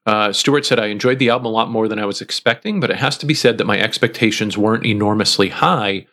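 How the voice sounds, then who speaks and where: Reading listener comments aloud in a relaxed, casual way, a podcast co-host with a low voice fills his reading with frequent "uh" pauses while going through the feedback.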